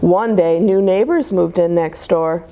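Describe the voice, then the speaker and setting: A woman with a fairly low voice reads a picture book aloud like a storyteller, using an expressive, deliberate style aimed at young children. Background noise can be heard.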